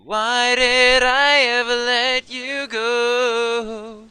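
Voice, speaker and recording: A man's voice: very high-pitched, little pitch movement, drawn-out words, pushed and bright, smooth, dry recording, soft background music. A man's sped-up chipmunk voice on an old home recording, half-speaking and half-singing an earnest, pleading love song.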